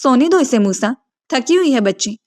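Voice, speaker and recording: A woman's voice: high-pitched, expressive, a little mellow. A woman voicing an affectionate, protective old grandmother in a storybook reading. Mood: loving. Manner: loving, soothing.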